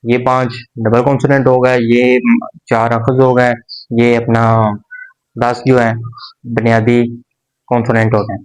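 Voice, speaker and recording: A man teaching a language lesson, explaining slowly and patiently with pauses and repetitions. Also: medium pitch, little pitch movement, clean tone, low-quality recording.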